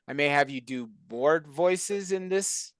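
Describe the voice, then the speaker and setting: A man's voice: a little high, measured pace, clean tone, no echo. A man hosting a casual chat on a video call, joking and rambling. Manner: joking, rambling, self-mocking. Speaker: show creator and host of the call.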